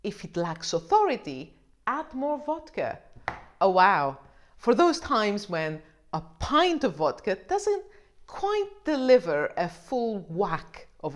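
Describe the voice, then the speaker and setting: A woman presenting a drinks vlog in a scripted explainer style, with wry, playful asides. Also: mid-range voice. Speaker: wine vlogger.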